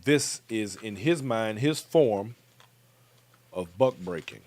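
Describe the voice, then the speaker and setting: A man's voice: fairly low pitch, lively intonation, takes it slowly, darkish tone. A man with an American accent hosting a commentary show, talking emphatically and speaking straight to his viewers. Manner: emphatic, direct address to viewers.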